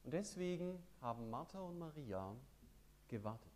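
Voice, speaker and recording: Guy preaching a sermon, pitch jumps all over, pretty high voice, reads bible bits. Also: moderate pace, a little hiss or hum. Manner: lively, emphatic preaching, reading scripture aloud.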